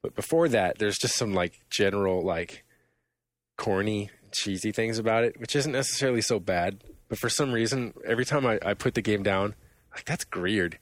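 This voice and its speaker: A man co-hosting a casual gaming podcast, telling stories in a rambling, animated way. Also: fairly low pitch, moderate pace, no echo. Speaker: podcast co-host.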